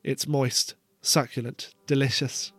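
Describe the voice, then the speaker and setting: A man reading a first-person story aloud with a measured, wry delivery. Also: medium pitch, level tone, a bit bright, breathy edge, soft background music. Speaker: narrator.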